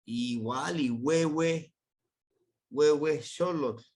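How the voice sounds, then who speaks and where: A man's voice: drawn-out words, darkish tone. A man with a Mexican accent teaching a Nahuatl language lesson in an unscripted, explanatory way, his voice leaping up on key words. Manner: patient, explanatory, voice leaps high on key words.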